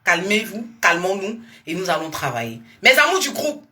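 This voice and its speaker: A young woman, a weight-loss coach chatting live to her followers in a lively, repetitive, coaxing way. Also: mid-range voice, normal speed. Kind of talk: casual live-stream talk to followers.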